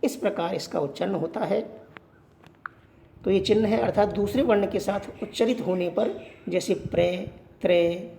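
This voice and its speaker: A teacher giving a Sanskrit grammar lesson, asking questions and answering them, repeating points slowly. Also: medium pitch, gravelly, dark tone, a little hiss or hum. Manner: poses questions and answers them, slow and repetitive. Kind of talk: classroom-style grammar lesson.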